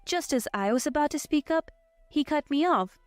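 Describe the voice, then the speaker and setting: A woman in her twenties narrating a scripted first-person story with an even, steady delivery. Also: high-pitched, normal speed, no room sound, soft background music. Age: 20s.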